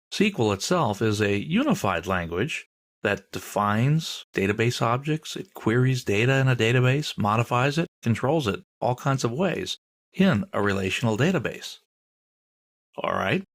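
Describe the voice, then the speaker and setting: A man's voice: fairly low pitch, creaky. A male instructor giving a screen-recorded tutorial lecture, patiently explaining and pointing things out on the screen.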